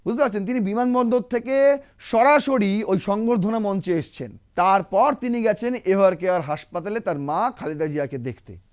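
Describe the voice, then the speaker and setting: A man's voice: high-pitched, moderate pace. A man giving emphatic political commentary, full of rhetorical questions and sarcasm.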